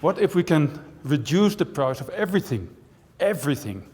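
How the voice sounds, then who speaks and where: Very animated and fairly high-pitched, this man speaks at a moderate pace with a slightly mellow tone. A university professor raised in the Netherlands, he gives a relaxed conference talk full of dry wit and side remarks. The large auditorium produces a long hall reverb.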